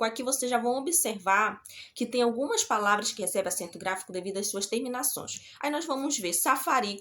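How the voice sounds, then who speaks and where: A woman's voice: mid-range voice, a bit bright. A woman teacher, giving a recorded lesson and patiently checking in with her students. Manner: patient, checks in often with the class.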